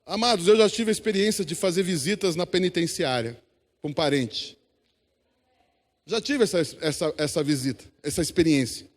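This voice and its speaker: A Brazilian man preaches from the pulpit with a notably high voice, urging the congregation to answer and repeat after him. His voice rings out with the long reverb of a church hall. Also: normal speed. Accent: Brazilian Portuguese. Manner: exhorting congregation, call-and-response. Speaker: pastor. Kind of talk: sermon.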